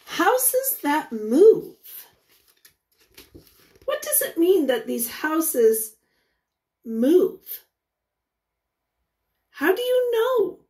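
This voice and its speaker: With a very high-pitched, darkish voice and a very animated delivery, a forties-aged teacher reads a picture book aloud. She breaks off now and then to quiz the young children, her phrasing deliberate and sing-song.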